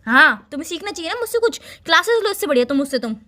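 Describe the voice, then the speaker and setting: A woman's voice: high voice, sing-song, very fast, pushed and bright. A young woman teasing and lecturing her boyfriend in casual phone banter. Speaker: girlfriend on a phone call.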